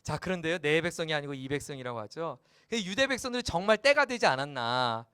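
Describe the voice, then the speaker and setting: A male pastor preaching a sermon in a playful, animated way, slipping into character voices. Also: on the high side, quick pace, clear, resonant tone, no echo, studio quality.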